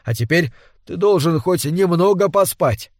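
A man voicing a composed doctor who calmly reassures his frightened friend. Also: high-pitched, a little slow, no echo, studio quality, pitched above the performer's own voice, full character voice. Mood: reassuring. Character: composed male doctor, shaken but steady. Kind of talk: audiobook character reading.

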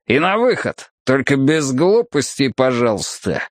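A man reading an audiobook, voicing a menacing male thug with a gun who is hoarse, rasping and short of breath, barking orders and gasping between words. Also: mid-range voice, sing-song, unhurried, dry recording, studio quality. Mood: commanding.

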